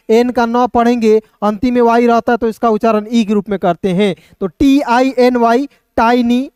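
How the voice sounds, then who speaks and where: Male tutor, patient and repetitive, spells words out letter by letter; smooth resonant voice, dry recording. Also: extremely high pitch, a little mellow, no room sound. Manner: patient, repetitive, constantly addresses viewers as friends. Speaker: English teacher. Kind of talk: online phonics lesson.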